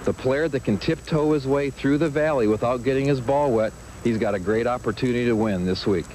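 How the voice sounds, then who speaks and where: A man's voice: mid-range voice, fairly quick, a little mellow, poor audio. A man working as a golf analyst, explaining the course and the play in plain-spoken, conversational sports commentary. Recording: clear outdoor background noise.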